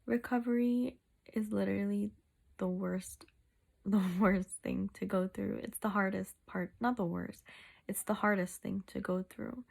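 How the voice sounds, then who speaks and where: A woman vlogging casually after having her wisdom teeth out, tired and sore in the mouth. Her voice is full of heavy fry and stays in a narrow, flat range. She talks haltingly, drawing out words for emphasis. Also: medium pitch. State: sore mouth, recovering two days after wisdom tooth surgery. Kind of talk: casual personal vlog update, chatty.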